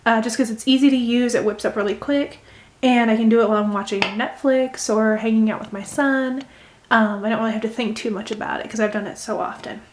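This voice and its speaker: A woman's voice: fairly high pitch, fairly even intonation, fairly quick, slight background noise. A woman hosting a casual crochet tutorial, chatting as she talks through each step. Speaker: crochet video host.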